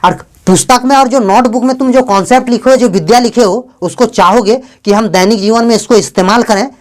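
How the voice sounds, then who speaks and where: A male English teacher giving a classroom lesson, often questioning his students, spelling letters out slowly and joking with them in a fatherly way. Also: extremely high pitch. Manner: calls students "beta" in a fatherly way.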